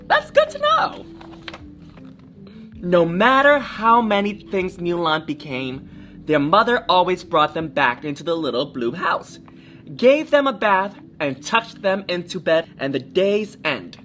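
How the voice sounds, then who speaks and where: A drag artist at storytime reads a children's picture book with theatrical encouragement, often talking straight to the little ones. Her lowish voice makes big pitch swings, moves slowly, and sounds somewhat bright. Gentle music plays in the background.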